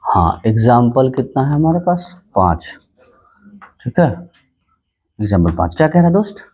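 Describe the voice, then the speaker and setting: A man teaching a maths lesson in a calm, unhurried way, often asking questions and answering them himself. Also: medium pitch, husky. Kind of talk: casual classroom maths lesson.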